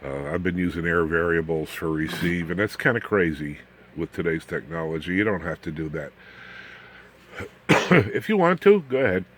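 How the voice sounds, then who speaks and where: An American ham radio hobbyist and video host in his seventies gives a casual, unscripted demonstration in his home workshop. He rambles in a folksy way, tossing self-deprecating asides to the viewer. His voice sits low and a bit bright, with lively intonation at normal speed.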